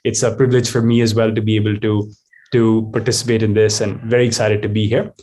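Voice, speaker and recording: A man's voice: lowish voice, level tone, fast, a little mellow. A man hosting an online event, introducing and questioning a guest for young students in an explanatory way. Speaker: host, moderator.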